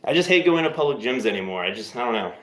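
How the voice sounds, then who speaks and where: A man hosts a casual live stream while working out in his home workout space, his mid-range voice very animated and rapid-fire. Laid-back and rambling, he cracks jokes and cheers his viewers on, with a roomy echo in the recording.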